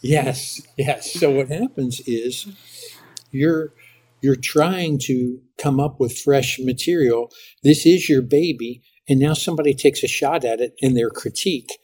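A middle-aged man, a pastor, talking as a guest in a podcast interview and telling lively stories with frequent restarts. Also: medium pitch, measured pace, breathy edge. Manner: animated storytelling with lots of restarts.

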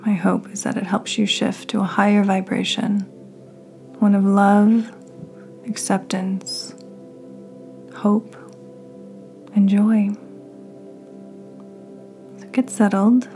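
Slow, soft-spoken woman with a gravelly edge. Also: medium pitch. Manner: soft, half-whispered, slow and soothing. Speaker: podcast host. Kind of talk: guided meditation.

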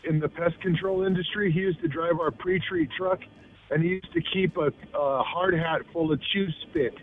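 A man's voice: a little high, fairly even intonation, moderate pace. A man calling in to a radio show over a phone line, chatting casually and saying "dude" a lot. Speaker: phone-in caller.

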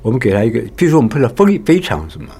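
A man's voice: mid-range voice, wildly swooping pitch, racing, dark tone, slightly rough. A man with a Taiwanese Mandarin accent, a voice teacher explaining emphatically in a casual podcast chat. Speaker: voice actor and teacher.

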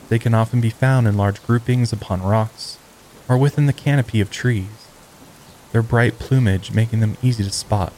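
A man giving slow, measured, scripted narration for a nature documentary. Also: on the low side, dark tone, a little hiss or hum, low-quality recording. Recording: faint rain in background.

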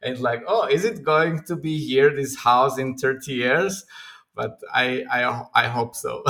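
Man, podcast guest, founder, hesitant, lots of fillers, bright tense voice, from his apartment on a video call. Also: medium pitch, unhurried. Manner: hesitant, many restarts and fillers, laughs easily. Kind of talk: casual interview chat. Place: own apartment.

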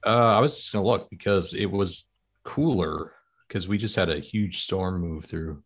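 A man with a low, deep voice co-hosts a podcast. He speaks casually, as in conversation. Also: moderate pace, husky, soft background music. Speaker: podcast co-host. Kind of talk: casual chat.

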